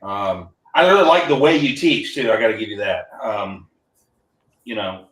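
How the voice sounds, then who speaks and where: A man with an American accent hosting a casual podcast, talking in a relaxed, rambling way with many ums. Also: fairly low pitch, moderate pace, far from the mic. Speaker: podcast host. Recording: roomy and off-mic.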